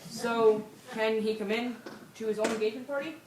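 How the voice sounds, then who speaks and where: A woman's voice: on the high side, steady tone, a little fast, natural voice. Woman as a cheeky servant, distant and echoey. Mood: matter-of-fact. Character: cheeky, dim, literal-minded minder and servant. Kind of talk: live stage comedy acting. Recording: echoey stage, distant mic, clear noise.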